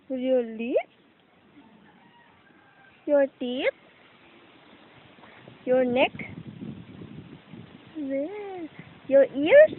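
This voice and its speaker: A woman drills a toddler with simple questions, her voice high and swooping in a slow, encouraging sing-song. She draws every word out at a very unhurried pace. The audio is thin and phone-like, with a faint hiss underneath.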